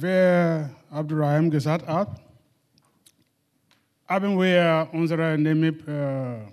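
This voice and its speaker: Slow, hesitant man from Nigeria. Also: a little high, a little mellow. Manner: slow, hesitant, with many fillers. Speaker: panel speaker, association co-founder. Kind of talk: spoken panel contribution.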